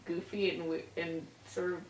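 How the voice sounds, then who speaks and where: A woman's voice: on the low side, level tone, normal speed. A woman chatting casually on a podcast, hesitant and often restarting her sentences. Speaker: podcast co-host. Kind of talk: casual chat. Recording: roomy, distant from mic, faint noise.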